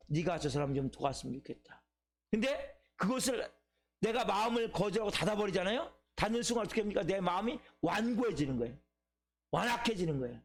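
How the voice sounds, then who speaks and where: A male pastor preaching a sermon, asking his congregation questions and acting out people's inner thoughts. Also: very high voice. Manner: asks the congregation questions, acts out inner voices. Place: church.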